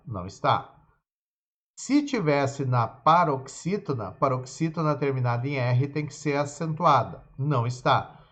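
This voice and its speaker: A man's voice: medium pitch, fairly bright tone. A male Portuguese teacher giving a grammar lesson, explaining rules step by step and often checking in with "ok?" and "tá?". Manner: spells out examples slowly, syllable by syllable. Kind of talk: grammar lesson for exam students. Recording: very echoey room, dull lo-fi sound.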